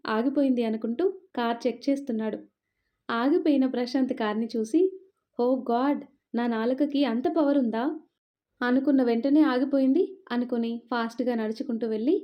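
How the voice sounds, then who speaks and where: Woman telling a romance story, lo-fi. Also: fairly high pitch. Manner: expressive, switching between narration and character lines. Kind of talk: scripted story narration with acted dialogue. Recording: dull lo-fi audio.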